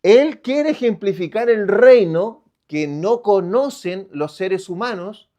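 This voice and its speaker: Chilean pastor guy preaching, high-ish voice, keeps asking questions then answering, gets loud on the big points. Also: animated, slow. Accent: Chilean Spanish. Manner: emphatic preaching with rhetorical questions and frequent loud swells. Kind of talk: sermon.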